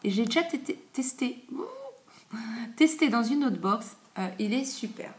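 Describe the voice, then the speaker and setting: Relaxed and talkative, a thirtysomething woman who vlogs about beauty walks through a casual product review, frequently stalling on fillers. She speaks at a middle pitch. Her camera mic captures an echoey room at home with faint noise behind her.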